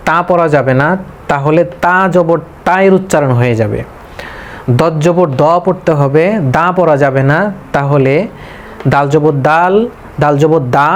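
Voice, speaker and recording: A man with a Bangladeshi Bengali accent teaching a tajweed lesson, repeating letters one by one in a slow, patient drill. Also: on the high side. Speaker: Quran recitation teacher.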